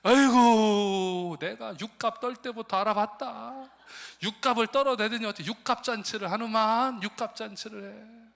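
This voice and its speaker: A pastor doing an exasperated shouting deacon. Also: male voice, high voice, moderate pace, vocal fry, hardly any pauses, pitched above the performer's own voice. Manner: loud, exasperated, teasing. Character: exasperated church deacon scolding an elder. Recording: long church hall reverb.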